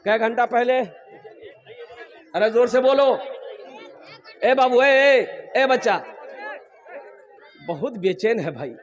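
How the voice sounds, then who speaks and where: A man preaching a lively sermon at a public gathering, joking with the crowd and repeating his phrases. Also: very high-pitched, takes it slowly, long pauses. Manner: jokes with the crowd, repeats phrases, addresses mothers and sisters. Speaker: Islamic preacher. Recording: echoey reverberant venue, voice from far off.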